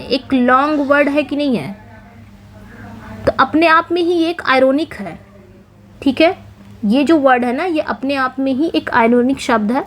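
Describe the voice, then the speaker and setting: A woman teaching an English exam-prep lesson, explaining answers step by step and reading English phrases slowly. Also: high-pitched.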